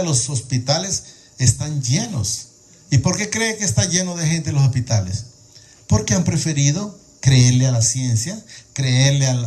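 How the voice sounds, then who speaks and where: A man's voice: mid-range voice, mellow. A man preaching a sermon, reading scripture aloud and explaining it with rhetorical questions, often repeating words as he searches for the next one.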